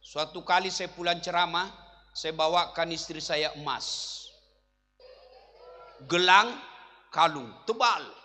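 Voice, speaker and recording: A male Islamic preacher giving a humorous sermon, telling jokes and stories and sometimes shouting to the crowd. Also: fairly high pitch, takes it slowly, long pauses. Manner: animated storytelling, jokes, bursts of shouting. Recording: reverberant hall.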